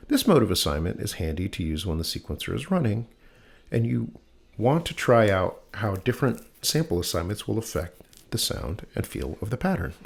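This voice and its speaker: In this sleep-aid reading, the male host delivers technical scripted text gently and evenly, leaving deliberate pauses. He has a low, gravelly voice that is slightly rough.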